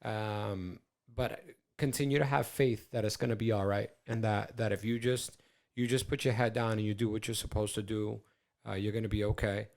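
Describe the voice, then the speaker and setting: A man's voice: lowish voice, fairly even intonation, normal speed, vocal fry, darkish tone. A man in his forties co-hosting a podcast in casual chat, rambling and stammering with plenty of swearing. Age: 40s. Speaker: podcast co-host.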